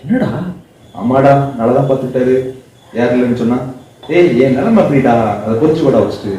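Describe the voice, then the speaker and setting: A man's voice: medium pitch, a little fast, warm tone, lightly acted. Man acting a quarreling son, echoey room. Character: adult son arguing with a friend. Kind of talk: amateur drama acting. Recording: very echoey room, distant mic, faint hiss.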